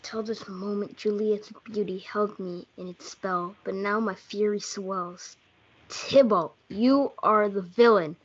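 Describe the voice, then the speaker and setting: A woman's voice: medium pitch, fairly even intonation, slow. A young woman playing Romeo, a passionate, hot-blooded young man, in a student readers theatre performance. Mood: fervent. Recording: muffled lo-fi home recording.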